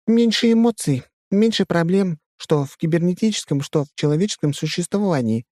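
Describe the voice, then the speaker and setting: A man's voice: high voice, animated, fairly quick, darkish tone, no room sound, clean studio sound, voice pushed up. A man voicing an ironic, detached woman crewmate. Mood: wry.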